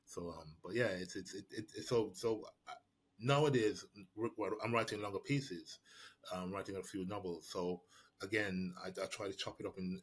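Speaking in a low voice against slight background noise, a Jamaican man who has won prizes for his writing takes questions over a video call. He's in a small room on a webcam or laptop mic, thoughtful, and keeps restarting sentences and repeating words.

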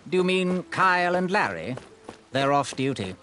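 A pompous royal guard. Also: male voice, moderate pace, slight background noise. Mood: stern. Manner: officious, cites decrees, lively pitch. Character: pompous rule-quoting male royal guard. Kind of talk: video game voice acting.

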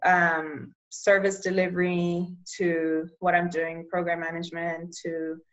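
A young woman from Eswatini, a native Bulgarian speaker who works in public health, answers interview questions over a video call. She speaks in a measured way, often pausing to find the right words, with a fairly low pitch and level tone. The sound is lo-fi.

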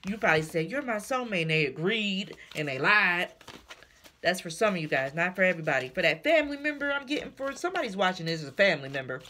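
A woman's voice: low voice, bright, forceful tone, slight background noise. A woman giving a casual tarot reading, blunt and slangy, swearing freely and repeating her warnings. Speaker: tarot reader.

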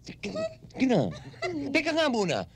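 An actor playing a teasing, smooth-talking young tenant in a slapstick comedy. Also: male voice, very high-pitched, huge pitch swings, a little slow, crowd noise, full character voice. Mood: joking. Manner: teasing, sing-song.

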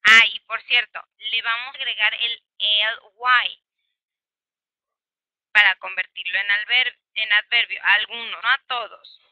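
A woman's voice: mid-range voice, fairly even intonation, unhurried, no room sound, dull audio. A woman with a Mexican Spanish accent teaching an English grammar class, explaining patiently with many examples and switching between Spanish and English.

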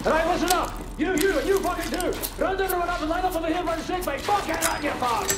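An actor playing a frantic, gruff field surgeon in a video game, shouting urgent commands. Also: male voice, extremely high pitch, fast. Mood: frantic, commanding. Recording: loud vehicle noise and clatter.

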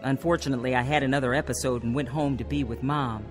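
In a radio drama with music underneath, an American actress uses an extremely low, fairly even voice at a quick pace. She plays an earnest, troubled woman recounting her life confessionally in a reflective mood, through both narration and dialogue.

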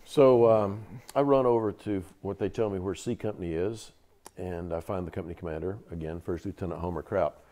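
Deep-voiced older Southern man telling war stories. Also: brisk, mellow. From Georgia, USA. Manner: vivid, acts out quotes, repeats for emphasis. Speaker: interview guest, veteran. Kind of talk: storytelling interview.

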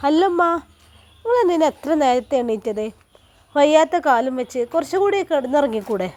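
A soft, pleading young woman with a Malappuram Malayalam accent, as a woman storyteller puts her on. Her voice sits high and light. She sounds tired and gentle, like a storybook heroine. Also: very animated, moderate pace.

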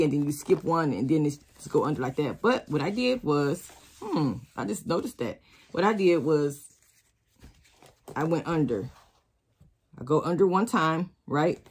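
A woman demonstrates shoe decorating in her craft studio, surrounded by sewing and embroidery machines. Her low, a little mellow voice has a slight rasp, and she chats casually with viewers, calling them "y'all," as a camera over the worktable records her.

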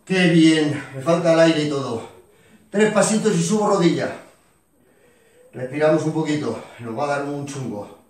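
A man's voice: a little high, animated, moderate pace, long pauses, a little mellow, distant mic. A man leading an exercise class, counting reps aloud and cheering people on, a bit out of breath at times. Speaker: fitness instructor. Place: sports hall, indoors. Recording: echoey gym hall, voice from off the mic.

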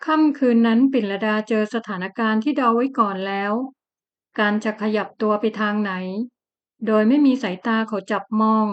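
A woman narrating a romance novel in an audiobook with an even, measured delivery. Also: a little high, lo-fi sound.

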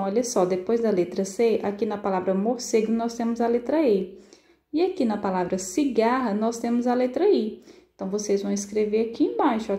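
A woman with a Brazilian Portuguese accent teaching first graders, sounding out syllables slowly and patiently. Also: mid-range voice, warm tone, reverberant. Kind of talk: recorded online lesson for children.

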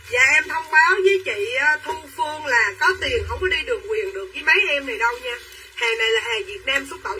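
A young woman hawks clothes to her livestream viewers. Her voice is high and very bright, and she keeps urging buyers to claim pieces. She sounds set back from the microphone, with faint background noise. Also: distant mic, low-quality recording. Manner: quick and pushy, urging buyers to claim items. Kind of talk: live-selling chatter to viewers.

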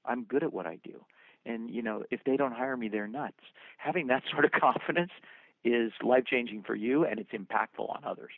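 A man with a gravelly, fry-tinged voice talks earnestly, telling stories and reflecting at length. His voice comes through dry and tinny, like a phone line. He quotes old verses as he goes. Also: medium pitch, brisk, dry recording. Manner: earnest, storytelling, quotes scripture and poems. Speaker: film producer and actor guest. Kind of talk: reflective interview answers.

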